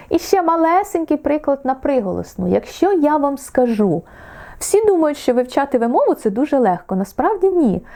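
Lively, slow-spoken woman teaching pronunciation. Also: sits high. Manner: warm encouraging teacher, drawing out example words slowly. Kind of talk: online pronunciation lesson.

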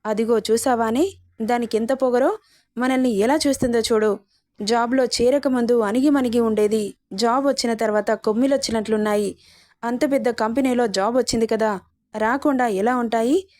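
Snide middle-aged neighbor women trade insinuations in a storybook reading, as a woman voices them. The voice sits somewhat high and sounds dry and close. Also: normal speed, a little mellow, dry recording, lightly acted. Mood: sneering. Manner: sneering, insinuating.

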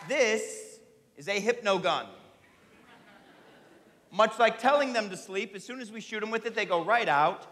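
A man's voice: sits high, animated, measured pace, pauses often, a bit bright, some chatter behind. A man in his thirties working as a comedy stage hypnotist, projecting commandingly to an audience in a theatre. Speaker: stage hypnotist and show host. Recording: echoey theatre hall with audience noise.

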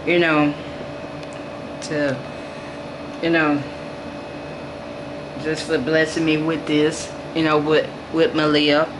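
Slow, low-voiced woman cooing over her dolls. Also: level tone. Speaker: vlogger showing her reborn doll nursery. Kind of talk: casual chat to camera and to her dolls. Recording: noisy home recording with air conditioner hum.

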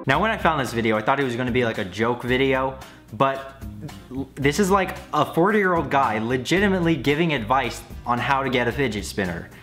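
A man's voice: medium pitch, animated, brisk, fairly bright tone. Sarcastic young man with music behind. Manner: sarcastic, mock-outraged asides. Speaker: youtuber reacting to videos. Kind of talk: comedic reaction commentary.

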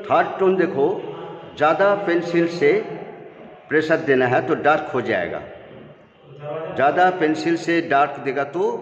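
A man's voice: fairly high pitch, expressive, normal speed, pauses often. A man teaching an online art class, explaining step by step and mixing Hindi with English. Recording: dull, echoey room from far off, faint ambience.

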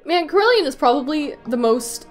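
A woman's voice: sits high, expressive, fairly quick, faint music behind. A woman in her twenties giving casual, sarcastic commentary as she plays a game. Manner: wry, sarcastic. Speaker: let's play host.

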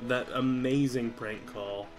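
A man's voice: medium pitch, steady tone, slow. A tipsy man hosting a let's play, rambling and giggling as he chats casually over the gameplay. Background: game music.

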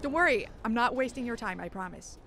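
A woman's voice: on the high side, expressive, a little fast. A woman giving casual, chatty commentary while playing a video game, swearing and laughing at herself. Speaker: gaming streamer. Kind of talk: casual let's-play commentary. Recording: loud game noise behind voice. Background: game ambience.

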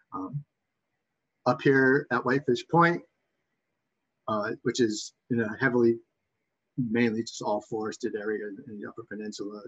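A man from Massachusetts with a Boston accent gives an informal slide lecture as an instructor, in a halting, backtracking way with a slightly husky voice. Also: on the low side, muffled recording. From Massachusetts, USA. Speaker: bird identification instructor.

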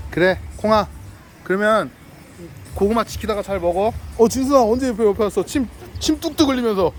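A man's voice: high-pitched, moderate pace, long pauses, faint music behind. A man vlogging outdoors, chatting playfully with dogs and their owner in a coaxing, friendly way and laughing often. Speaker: delivery driver vlogger. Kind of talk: casual talk to dogs and owner.

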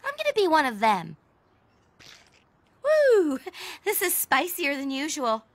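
A bright, excitable teenage girl. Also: sits high, a little fast, dry recording, full character voice. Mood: earnest. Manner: earnest, excitable. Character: earnest teenage girl, passionate vegetarian.

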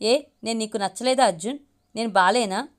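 A woman's voice: a little high, brisk, clean tone, natural voice. A woman voicing a lovestruck young college woman who pleads affectionately. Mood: pleading.

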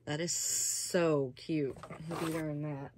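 An older woman chatting slowly and fondly in her small hobby room at home, gushing as she opens a doll box. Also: low voice, fairly even intonation, a little hiss or hum. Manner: chatty, softly gushing, slow and unhurried. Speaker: reborn doll collector. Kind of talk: casual unboxing chat.

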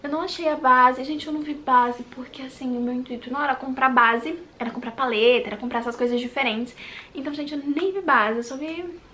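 Brazilian woman, beauty vlogger, high bright voice, gushes over products and slips into whispers, light background hiss. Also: a little fast. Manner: gushing and excitable, dropping into whispers. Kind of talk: casual makeup haul vlog. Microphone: handheld compact camera.

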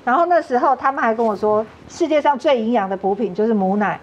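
Taiwanese-accented woman, talk show guest, earnest personal story, slightly high voice, faint background noise. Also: fast, muffled recording. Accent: Taiwanese Mandarin. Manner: earnest, acts out quoted dialogue.

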